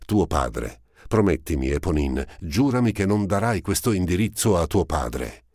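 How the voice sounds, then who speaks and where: A man's voice: deep voice, very animated, moderate pace, a little mellow, no room sound, clean studio sound, pitched above the performer's own voice. A man reading an audiobook, voicing a tense, lovestruck young man who speaks urgently. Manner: urgent, insistent.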